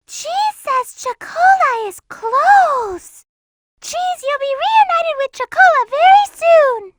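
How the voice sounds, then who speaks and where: A gentle, well-mannered little rabbit girl from a video game, speaking in a very high, childlike voice. She talks slowly and carefully, always saying "please" and "Mister". The clip carries a clear background hiss. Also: heavily acted. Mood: worried. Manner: polite, says "please" and "Mister". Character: small polite young girl rabbit, sweet and gentle.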